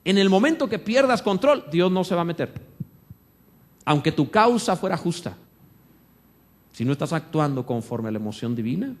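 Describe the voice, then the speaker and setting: Pastor, male, high-pitched voice, animated sermon delivery that swings from loud to hushed. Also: moderate pace, long pauses.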